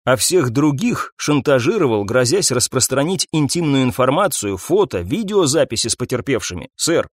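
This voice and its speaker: A man's voice: medium pitch, big pitch swings, moderate pace, hardly any pauses, dry recording, studio quality. A man voicing a bold young female police officer, speaking firmly in a storybook reading.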